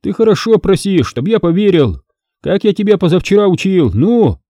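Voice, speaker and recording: A cocky, power-drunk young man, as a male reader puts him on in an audiobook crime story. He sneers and talks down to everyone in a raised, lively voice. Close, dry sound. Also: sits high, moderate pace, dry recording, pitched above the performer's own voice. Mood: sneering. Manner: sneering, condescending. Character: arrogant mocking male student, power-drunk, giggling.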